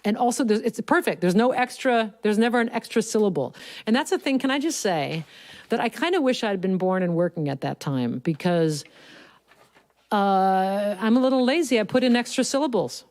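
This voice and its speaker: A woman's voice: mid-range voice, expressive, moderate pace, darkish tone. A woman hosting a livestream from a studio, chatting enthusiastically about songwriting craft and humming bits of melody to show her point. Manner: enthusiastic, breaks into humming and sung lines to demonstrate. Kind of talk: casual livestream talk about songwriting between songs. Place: recording studio. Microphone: studio mic at a piano. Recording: clear piano playing behind the voice. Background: piano.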